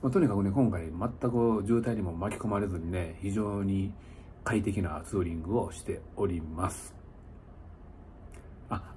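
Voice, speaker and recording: A man's voice: low-pitched, dark tone. A middle-aged man with a Kansai accent, slightly tipsy, chatting in a rambling, casual way to viewers like a livestreamer. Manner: rambling, chuckling, conversational asides. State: slightly tipsy after an hour of drinking. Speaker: motorcycle touring vlogger. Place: small indoor lodging room. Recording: noticeable background room noise.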